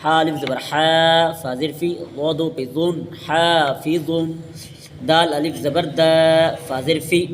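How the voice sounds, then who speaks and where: A man with an Urdu accent leads a very slow Quran reading lesson, spelling each letter with its vowel mark before joining the syllables into a stretched-out word. His voice sits a little high. It rings with a long hall reverb over faint background noise. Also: steady tone.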